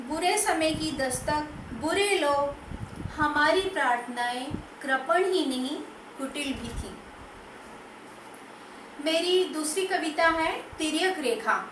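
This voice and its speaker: A woman poet from Madhya Pradesh, India, reciting her poems in a slow, measured reading. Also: sits high, a bit bright. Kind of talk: poetry recitation. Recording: echoey room, distant mic, faint noise.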